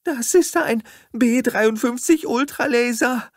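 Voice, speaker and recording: A man voicing a greedy, scornful alien woman in a story reading, shrieking and mocking in a high voice. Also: big pitch swings, moderate pace, husky, no echo, studio quality, exaggerated voice.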